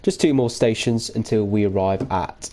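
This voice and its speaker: A man with a hoarse voice from a cold, chatting casually while commentating his train game. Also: fairly low pitch, normal speed. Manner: relaxed, chatty, thinking aloud with fillers. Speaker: gameplay commentator. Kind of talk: casual let's-play commentary.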